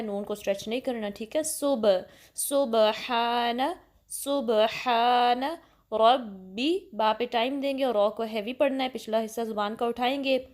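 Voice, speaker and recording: Woman teaching slow, drawn-out recitation. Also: a little high. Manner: patient, explains each sound, then recites slowly with stretched syllables; keeps checking in with "theek hai". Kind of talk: step-by-step recitation lesson.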